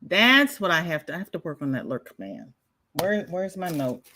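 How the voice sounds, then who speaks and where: Hosting a crochet livestream, this woman from the American South speaks at normal speed in a fairly low voice with big pitch swings, and there's background noise. Her talk is casual and meandering as she reads out comments from viewers. She sounds stuffed up and often breaks off to start over.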